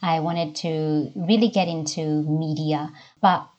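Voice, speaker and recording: A middle-aged woman from Kenya with a softened Kenyan accent, giving measured, reflective interview answers about her own life and work. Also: sits low, fairly even intonation. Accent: Kenyan, softened by years in Australia. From Nairobi, Kenya. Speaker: interview guest, diversity and inclusion coach. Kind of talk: conversational interview answers, personal story.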